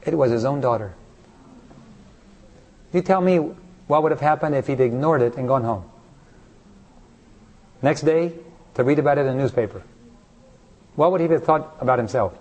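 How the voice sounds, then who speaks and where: A man's voice: mid-range voice, animated, normal speed, long pauses, darkish tone, slightly rough. A man preaching a sermon who keeps asking the congregation rhetorical questions and briefly acts out the people in his stories. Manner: acts out short voices in stories.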